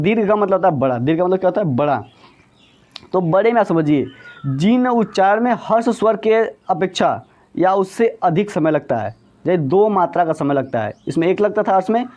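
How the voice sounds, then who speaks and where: A man's voice: sits high, lively intonation, fairly quick, a little mellow. A man teaching a Hindi grammar lesson for exam preparation, asking questions and answering them himself.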